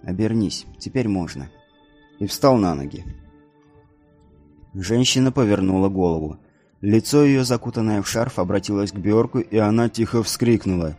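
A man narrating an audiobook in a steady, even storytelling manner. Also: fairly low pitch, normal speed, soft background music.

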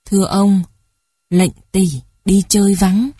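A woman's voice: medium pitch, little pitch movement, slow, warm tone, slightly rough, dry recording, clean studio sound. A woman voicing an elderly dignified mother who asks questions hesitantly in a storybook. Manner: hesitant, searching.

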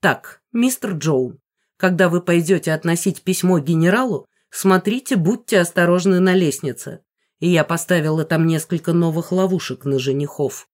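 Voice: medium pitch, moderate pace, close to an everyday voice. A reader voicing a fussy, scheming middle-aged mother bent on marrying off her daughters, theatrical and bossy. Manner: theatrical, bossy, hissing when whispering.

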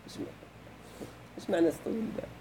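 A man's voice: quick pace, mellow, a little hiss or hum, rough recording. A middle-aged man with a Moroccan Arabic accent, teaching a grammar class and pressing students with questions. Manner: questioning students, switching to colloquial.

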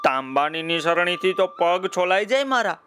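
A man voicing a greedy, lazy young girl in a children's story, making bossy, shrill demands. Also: expressive, normal speed, bright, forceful tone, soft background music. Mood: demanding.

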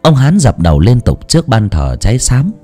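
A man narrating a ghost story with an expressive, dramatic reading. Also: mid-range voice, normal speed, soft background music. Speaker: audiobook narrator.

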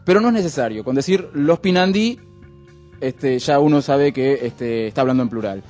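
A man with an Argentine accent hosting a radio show, explaining things in a wry, relaxed way with lots of fillers. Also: medium pitch, normal speed, faint music behind. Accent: Argentine Spanish. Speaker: radio host. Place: radio studio.

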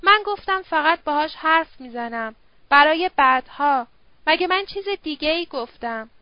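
A woman's voice: high voice, expressive, dry recording, dull audio. Malek Ara, a woman reading a wheedling drunk man. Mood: coaxing. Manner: wheedling, slurred persuasion. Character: drunk, smooth-talking middle-aged male opium user.

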